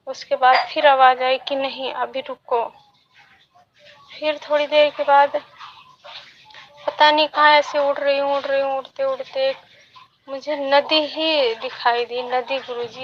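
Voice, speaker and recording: A woman from India slowly and reverently telling her teacher about a meditation experience, often searching for words. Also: high voice, lo-fi sound, a little hiss or hum. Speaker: meditation student sharing an experience.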